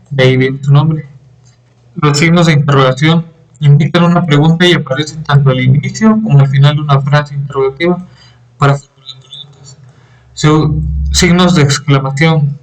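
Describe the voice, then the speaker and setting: A young man giving a class presentation on grammar, reading with halting pauses, fillers and throat clearing. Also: a little high, poor audio. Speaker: student presenter.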